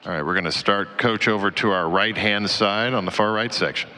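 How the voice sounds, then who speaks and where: Deep-voiced moderator with a bright edge. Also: male voice, fairly quick. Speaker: press conference moderator. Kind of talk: announcements.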